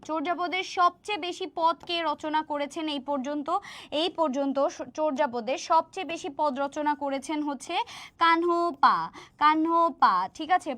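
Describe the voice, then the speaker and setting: A young woman teaching an online exam-prep class. She explains slowly, drags out key words, repeats the answers, slips in English words and keeps asking her students "right?". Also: high voice, a bit bright. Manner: encouraging, motivational asides. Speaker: admission test tutor.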